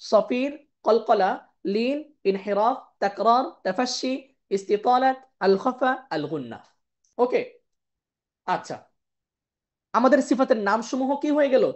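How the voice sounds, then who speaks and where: A woman teaching an online tajweed lesson who explains patiently, keeps checking in with her students, and chants the Arabic terms slowly in pairs. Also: on the high side, a little mellow. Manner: explains patiently, checks in with "ঠিক আছে?" and "কেমন?". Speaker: Quran recitation teacher.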